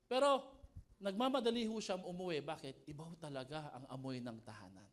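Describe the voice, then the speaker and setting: A man preaching a sermon in a high, very lively voice. He is animated and jokey, and keeps throwing questions out to the congregation. He sounds like a pastor speaking at a live church service. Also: a little fast.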